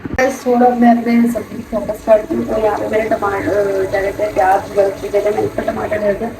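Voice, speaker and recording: A young woman vlogger chats at length while cooking in her home kitchen, talkative and rambling, dropping "matlab" and "yaar" throughout. Her medium-pitched voice is creaky, a little fast, and fairly flat in pitch. It's a noisy phone recording with room ambience.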